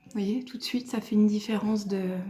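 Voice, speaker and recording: A woman's voice: mid-range voice, steady tone, normal speed, dark tone. A woman from France explaining a makeup look step by step to her viewers, patient and chatty as she talks to camera. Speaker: beauty YouTuber. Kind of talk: makeup tutorial talk to camera.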